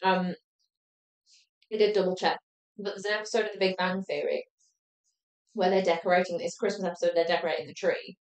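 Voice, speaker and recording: A woman's voice: on the low side, fairly even intonation, brisk, pauses often. A woman hosting a casual quiz on a livestream, giggly and chatty, explaining at length. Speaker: quizmaster on a livestream. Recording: roomy echo.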